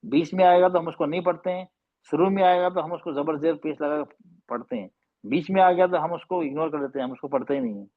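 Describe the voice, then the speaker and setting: In an online class, a man with a fairly high voice teaches Arabic letter sounds at a quick pace, patiently repeating and drilling them. He speaks Hindi but slips English phrases in. The audio comes through a video call microphone with phone-quality sound and no echo.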